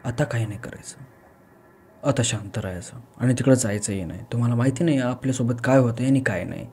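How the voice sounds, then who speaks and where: A man voicing a frightened young wife in a spoken horror story, with hushed, urgent questions. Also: mid-range voice, fast talker, a little hiss or hum, lightly acted. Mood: pleading.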